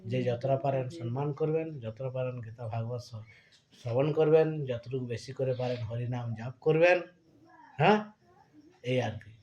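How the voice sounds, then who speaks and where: A hoarse man teaching a devotional scripture class, who often checks that his listeners have understood and leads them in chanting. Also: medium pitch, normal speed, a little mellow, dull audio. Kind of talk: devotional class talk and call-and-response chanting.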